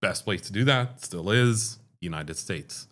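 Low-voiced man explaining his research. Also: animated, fairly bright tone. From Dubai, Middle East. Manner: measured, explanatory. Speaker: guest, chemical engineering professor. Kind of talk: conversational interview.

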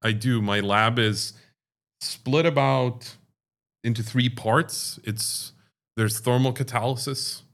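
A man from Dubai, a chemical engineering professor, answering interview questions in a measured, explanatory way. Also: medium pitch, steady tone, a bit bright. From Dubai, Middle East. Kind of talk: conversational interview.

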